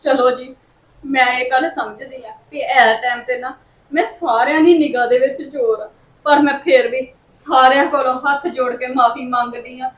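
A woman's voice: sits high, fairly even intonation, normal speed, a bit bright, reverberant, distant mic, rough recording. A woman playing a tearful accused woman begging forgiveness. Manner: tearful, apologetic.

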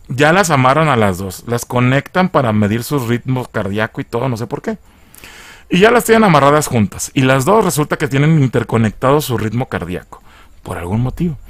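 A man's voice: on the high side, fairly bright tone, no echo. Profane mocking Mexican man recapping. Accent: Mexican Spanish. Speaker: film reviewer. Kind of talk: casual spoken film recap.

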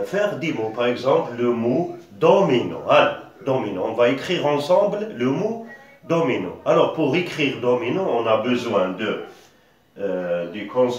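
A man with an Algerian French accent leads a reading lesson, sounding out syllables patiently and pausing often to hesitate. He talks at an unhurried crawl. His voice comes from some distance away, dull and muffled, in a strongly echoing room. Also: mid-range voice. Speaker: primary school teacher. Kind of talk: slow classroom-style reading lesson.

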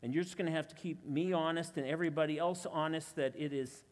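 A man's voice: a little high, steady tone, fast talker, big-room sound. A man performing stage illusions with a volunteer before a live church audience, chatty and self-deprecating with playful asides. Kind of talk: live magic show patter with audience volunteer.

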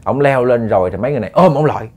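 A man's voice: mid-range voice, animated, racing. A man with a Southern Vietnamese accent telling a ghost story to listeners, casual and chatty with many repeated words.

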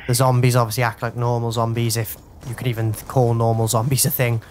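Fast-talking young man gaming. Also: mid-range voice, little pitch movement, darkish tone, slight background noise. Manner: rambling, quick banter. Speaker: gamer, channel host. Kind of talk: casual gaming chat.

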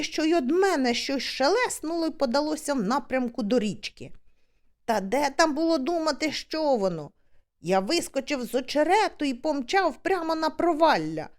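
A woman reading a humorous story aloud as an audiobook, with lively, expressive storytelling. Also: high-pitched. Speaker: audiobook reader.

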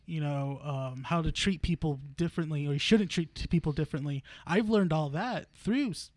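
High-voiced young man chatting on a podcast. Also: normal speed, no room sound. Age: 20s. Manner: rambling, filler-heavy, animated storyteller. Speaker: podcast co-host. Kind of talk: casual chat.

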